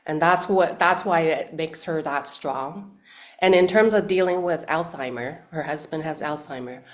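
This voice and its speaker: Speaking at a moderate pace in a deep voice, a Cantonese-speaking actress from Hong Kong gives a relaxed interview. She answers thoughtfully, often restarting sentences and leaning on fillers.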